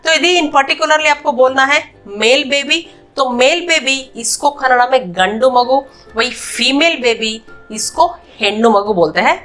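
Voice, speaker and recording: A woman teaching a spoken language lesson, patiently repeating each word pair and slowing down on the key words. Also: high voice, expressive, a bit bright, faint music behind.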